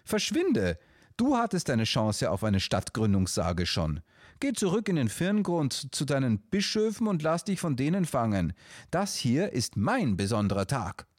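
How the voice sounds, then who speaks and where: A man's voice: medium pitch, wildly swooping pitch, a little slow, few pauses, breathy edge, no room sound, clean studio sound, pitched above the performer's own voice, heavily acted. A man voicing a cheerful, cheeky male dove in a storybook reading, with a chirpy manner. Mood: scolding. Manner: bright chirpy, bossy when annoyed.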